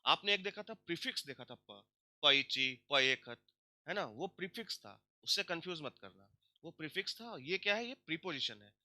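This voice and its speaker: A man explains grammar in a steady lesson voice that is bright and sharp. He slows right down on the example words and poses questions before he answers them. The sound is dry and close, with no room echo. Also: fairly high pitch. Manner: stretches out example words slowly, asks and answers his own questions. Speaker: language teacher.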